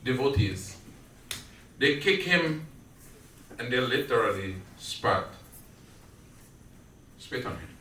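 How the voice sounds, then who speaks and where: A man's voice: mid-range voice, expressive, bright, forceful tone, slight background noise. A man from Guyana with a Guyanese accent, giving a devotional sermon at a family prayer gathering and questioning his listeners as he tells a story. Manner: slow storytelling with questions to the audience. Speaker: satsang speaker. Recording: echoey room, distant mic, faint background.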